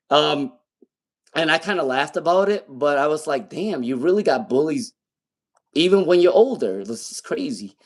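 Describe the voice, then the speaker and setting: This tarot reader is a man whose first language isn't English, and he has a non-native accent plus a speech impairment. His voice sits a little high and sounds animated yet unhurried. He says names and questions again and again as he draws cards during live readings.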